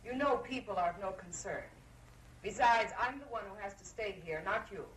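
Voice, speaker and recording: An actress playing a cold, confident mad scientist in an old horror film, speaking in a clinical, imperious, deliberate way. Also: female voice, mid-range voice, lively intonation, slight background noise, natural voice, poor audio. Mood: cold, assured. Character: cold, confident female mad scientist breeding obedient slaves.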